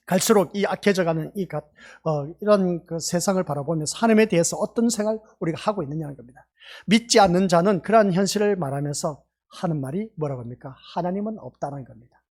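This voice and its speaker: Church pastor, husky tone, fervent sermon delivery built on rhetorical questions. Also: medium pitch, quick pace, a little mellow. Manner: fervent preaching full of rhetorical questions to the congregation. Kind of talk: evening worship sermon. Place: small church sanctuary.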